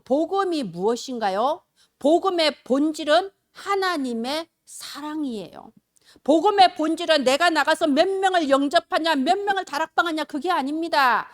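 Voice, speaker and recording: A woman's voice: high-pitched, no room sound, clean studio sound. A woman preacher giving a Sunday sermon in a conversational, storytelling manner. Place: church service. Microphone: filmed on camera.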